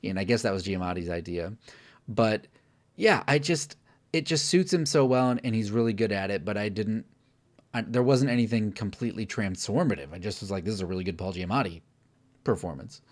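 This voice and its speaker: A man's voice: lowish voice, fairly quick. A man co-hosting a casual film review, talking candidly with lots of fillers and restarts.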